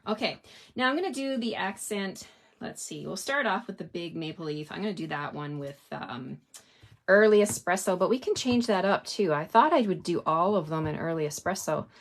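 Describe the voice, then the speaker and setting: Upbeat woman chatting through a craft demo. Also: fairly low pitch. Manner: chatty, upbeat, talks straight to viewers. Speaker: craft demonstrator. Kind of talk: live stamping tutorial.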